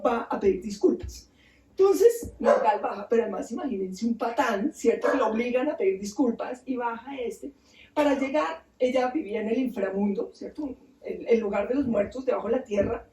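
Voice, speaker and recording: A woman's voice: on the high side, moderate pace. A woman author telling a mythology story to an audience at a bookstore talk, acting out the voices and often asking the room questions. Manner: animated, acts out voices, asks the audience. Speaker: author giving a book talk. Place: bookstore event space. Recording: roomy, distant mic.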